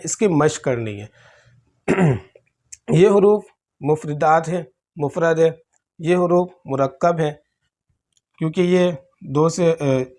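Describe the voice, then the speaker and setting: A man teaching Arabic letters for Quran reading, explaining patiently step by step and often clearing his throat. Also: on the high side, darkish tone. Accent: Pakistani Urdu. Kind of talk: slow classroom-style letter teaching.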